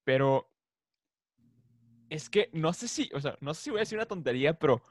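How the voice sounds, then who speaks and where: A man's voice: a little high, lively intonation, normal speed, no echo. Laid-back man, dry mic. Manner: playful, laughs often, imitates cartoon voices. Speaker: podcast co-host. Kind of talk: casual chat.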